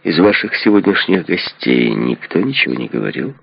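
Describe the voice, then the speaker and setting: A man's voice: a bass voice, big pitch swings, moderate pace, creaky, husky, no room sound, full character voice. A man voicing a sardonic, probing detective in a book reading. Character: cynical, mocking male detective. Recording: dull lo-fi recording.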